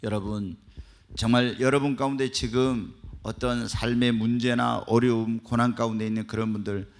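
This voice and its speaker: A male pastor preaching a sermon, asking the congregation questions and swinging between hushed and loud. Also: mid-range voice, steady tone, moderate pace. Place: church.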